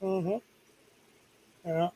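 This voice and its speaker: Middle-aged guy co-hosting a stream, kinda high voice, laid back and jokey. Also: steady tone, very slow, warm tone, dry recording, rough recording. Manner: easygoing, joking. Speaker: co-host. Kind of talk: casual chat on a live stream.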